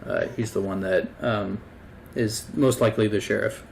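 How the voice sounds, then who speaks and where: A man's voice: fairly low pitch, fairly even intonation, normal speed, creaky, darkish tone, a little hiss or hum. A man narrating a tabletop game as game master, casual and full of fillers. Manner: casual, hesitant, many fillers.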